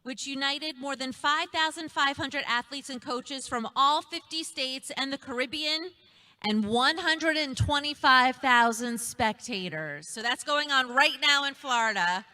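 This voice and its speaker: Bright-voiced, energetic woman emcee. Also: sits high, unhurried. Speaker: ceremony emcee. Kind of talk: upbeat event hosting.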